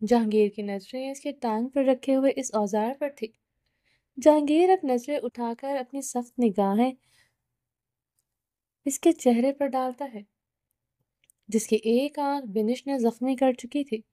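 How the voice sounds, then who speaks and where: A woman narrating a novel aloud in a steady reading voice with small restarts. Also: high voice, long pauses, no room sound, clean studio sound. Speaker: novel reader. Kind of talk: audiobook narration.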